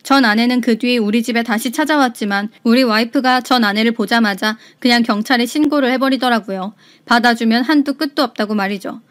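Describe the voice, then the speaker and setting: Woman reading out a story, kinda high voice, steady storytelling. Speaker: story reader. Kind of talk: scripted narration of a reader's story.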